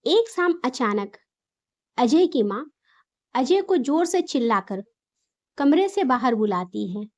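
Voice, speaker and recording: A woman narrating a scripted moral story in a gentle, steady storytelling manner. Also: sits high, slow pace.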